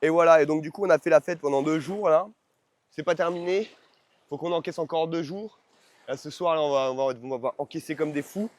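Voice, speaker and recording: In a travel vlog, a man whose voice is a little high and fairly quick talks casually to his followers. He uses slangy, informal speech and repeats phrases for emphasis; he's a vlogger who sells an online course, and the on-location sound is noisy.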